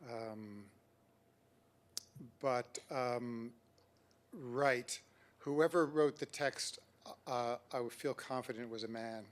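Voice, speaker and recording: A man giving a lecture and then answering audience questions, speaking in a measured, reflective way with some hesitation. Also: mid-range voice.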